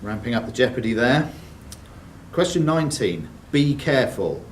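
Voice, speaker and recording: Very animated, a mid-range male quizmaster reads questions at a normal speed in a sports and social club room, with brief banter between scripted questions. The recording comes from a distant room mic and carries faint background noise.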